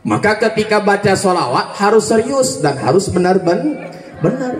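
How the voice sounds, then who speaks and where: A man's voice: high-pitched, a bit bright. A man preaching to students at a school religious gathering, stirring them up and firing questions at the audience for them to answer back. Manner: rousing, quizzes the audience with call-and-response questions. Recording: echoey room.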